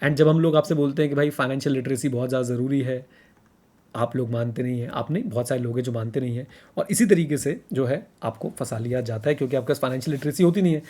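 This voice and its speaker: A man's voice: medium pitch, fast, warm tone. A man co-hosting a podcast in casual talk, emphatic, repeating his points and mixing in English phrases. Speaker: podcast co-host.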